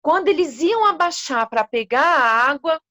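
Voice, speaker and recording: A woman with a Brazilian Portuguese accent telling a children's story, animated and expressive, with gasps. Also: high voice, moderate pace, dry recording, lo-fi sound.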